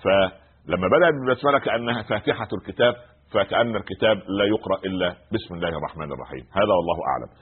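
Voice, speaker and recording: A man's voice: sits low, lively intonation, rapid-fire, breathy edge. A man with an Egyptian accent gives a radio Quran commentary between calls, asking himself rhetorical questions and stumbling over repeated words. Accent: Egyptian Arabic. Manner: keeps asking rhetorical "what?" questions, stammers and restarts. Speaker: radio religious scholar taking calls. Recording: narrow phone-like radio sound.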